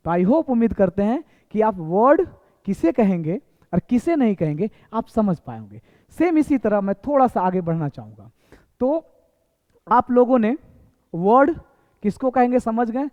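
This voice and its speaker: High-voiced teacher quizzing his class. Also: very animated, normal speed. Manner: repetitive, quizzing with rhetorical questions. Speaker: English teacher. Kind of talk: classroom lesson. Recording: echoey hall, tinny phone-like sound.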